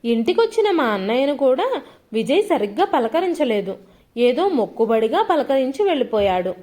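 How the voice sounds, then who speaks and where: A woman narrating a first-person story, lifting her voice for the quoted lines. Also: normal speed. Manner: expressive, voices quoted lines with pitch shifts.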